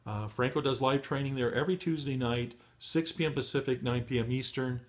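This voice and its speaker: A middle-aged man giving a motivational training talk to beginners, encouraging and full of fillers and restarts, his voice going hoarse. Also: mid-range voice, a little fast. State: losing his voice. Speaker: online marketing trainer.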